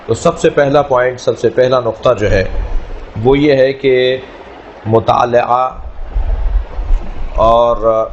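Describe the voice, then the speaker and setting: A man teaching a class, speaking in a measured way, repeating key words and explaining through everyday analogies. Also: medium pitch, fairly even intonation, highs cut off, a little hiss or hum. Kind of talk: classroom lecture.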